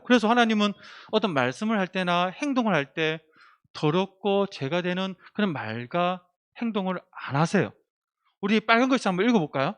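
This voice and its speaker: A man preaching to children in a high, very lively voice. He swoops up and down as he acts out their lines and quizzes his young listeners. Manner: animated, acts out children's voices, asks the kids questions. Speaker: pastor. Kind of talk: children's sermon.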